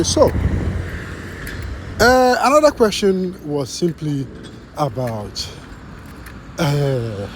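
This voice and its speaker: A Ghanaian vlogger with a mid-range voice talks casually to his channel's viewers on camera, animated and full of fillers, often checking in with "you understand?" A slight background noise is audible.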